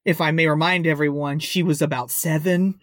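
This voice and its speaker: A woman's voice: low-pitched, steady tone, fairly quick, dry recording. A woman co-host giving a casual, comedic film recap with slangy, sweary talk.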